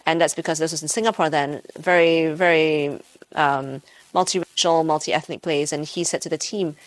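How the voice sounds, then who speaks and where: With a deep voice and steady tone, a woman from Malaysia who teaches physics speaks at a moderate pace. She considers each interview answer carefully, restarting often and filling pauses, and there's no echo in the recording.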